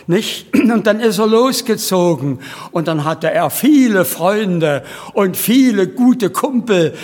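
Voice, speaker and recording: A man preaching a sermon slowly and emphatically, with homely asides to his congregation. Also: a little high, in a large hall.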